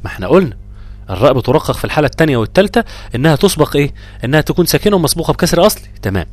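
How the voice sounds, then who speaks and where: A man with an Egyptian accent teaching Quran recitation rules, quizzing students and chanting verses slowly. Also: on the high side, dry recording, soft background music. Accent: Egyptian Arabic. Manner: lively, drawn-out chanting of verse examples. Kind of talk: live tajweed lesson.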